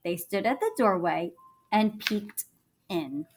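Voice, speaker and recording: A woman reading a children's book aloud like a teacher, pausing to explain things to young listeners. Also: medium pitch, a little hiss or hum. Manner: expressive, pauses to explain to listeners.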